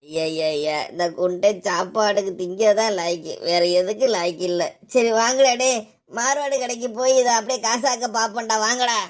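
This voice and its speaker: A woman voicing a bossy adult male thief gang leader in a Tamil cartoon dub, talking in a gruff, scolding way. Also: mid-range voice, moderate pace, natural voice.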